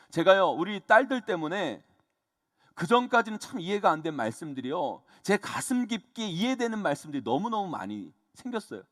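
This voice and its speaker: High, lively-voiced male pastor preaching. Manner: emphatic, swings between loud exclamations and soft confiding asides; frequently addresses the congregation directly. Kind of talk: sermon.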